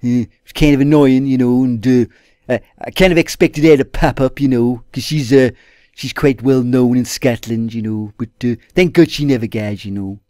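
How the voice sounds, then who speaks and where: A man's voice: medium pitch, moderate pace, dark tone, no room sound, studio quality. A man giving a casual spoken review to his viewers. He hesitates and restarts often and calls them "guys". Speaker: TV episode reviewer. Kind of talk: casual video review monologue.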